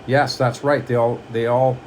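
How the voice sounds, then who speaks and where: A man's voice: medium pitch, little pitch movement, moderate pace, a little hiss or hum, poor audio. A man giving a lecturing monologue, reading items from a list and repeating them, often asking the listener whether they understand. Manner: repeats himself, asks "do you understand?". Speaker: channel host.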